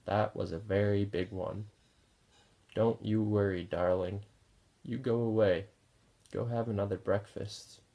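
A man voicing a tired woman in labor who stays cheerful, her voice strained, weary and apologetic, with a low flat gravelly tone. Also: unhurried, long pauses. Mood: tender. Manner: weary but affectionate, apologetic.

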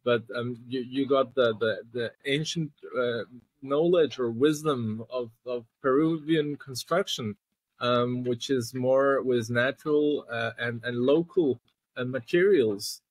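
A man's voice: mid-range voice, measured pace, dry recording, rough recording. A man in his thirties hosting a podcast over a video call, speaking hesitantly with many fillers and rephrasings, indoors at a laptop mic. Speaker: podcast host. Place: indoor room with tapestry.

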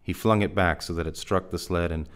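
Deep-voiced male narrator for a dramatic reading of an adventure novel. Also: steady tone, brisk. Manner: vivid storyteller narration. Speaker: reader.

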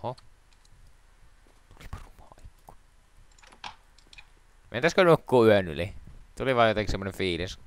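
A man's voice: on the low side, sing-song, long pauses, a little hiss or hum. A man hosting a game let's play, chatting casually with jokes and sarcastic banter. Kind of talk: casual gaming chat.

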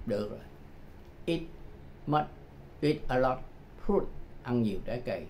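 An older man giving a casual, chatty English lesson, repeating phrases slowly and chuckling often. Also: medium pitch, expressive. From Vietnam. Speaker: English tutor. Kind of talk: casual self-made language lesson. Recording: dull lo-fi sound with loud background noise.

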